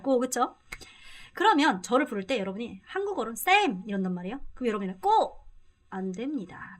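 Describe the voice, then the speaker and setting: Middle-aged woman, high pitch, energetic online language tutor who repeats and drills phrases. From Korea. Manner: drills words with slow repetition, laughs often. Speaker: Vietnamese language teacher. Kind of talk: lively online language lesson.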